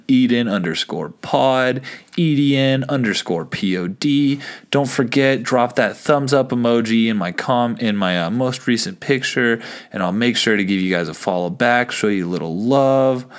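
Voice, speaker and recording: A young man hosting his own small podcast, talking casually and excitedly, rambling with restarts and asides to listeners. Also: medium pitch, moderate pace. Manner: rambling and excitable, many restarts and "you guys". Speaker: podcast host. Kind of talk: casual solo podcast talk.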